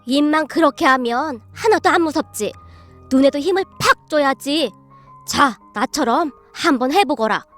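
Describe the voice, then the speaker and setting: A woman voicing a stern old grandmother-in-law who drills her family in scolding, with slow, drawn-out commands. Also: sits high, lively intonation, fairly bright tone, faint music behind. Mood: commanding.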